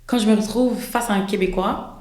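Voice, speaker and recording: A young woman with a Quebec French accent talks at a fast clip, lively and quick to slip into other accents. Her voice rings in a roomy, echoey space. She keeps the tone of relaxed podcast chat. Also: medium pitch. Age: 20s. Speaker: podcast guest. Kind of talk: casual chat.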